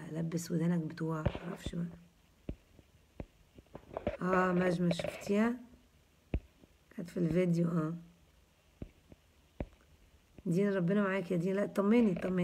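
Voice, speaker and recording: A woman's voice: on the low side, level tone, fast, creaky, pauses often, background noise. A woman in her thirties with an Egyptian accent, hosting a casual live chat and answering viewers with jokes and teasing. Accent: Egyptian Arabic. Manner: joking, teasing, chatty. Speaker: host answering viewers' comments.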